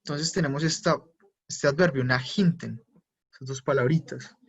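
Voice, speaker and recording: A man's voice: mid-range voice, moderate pace, creaky, breathy edge. Patient man teaching German. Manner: patient, repeats each word pair and checks for questions. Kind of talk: live online class explanation. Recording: muffled lo-fi audio.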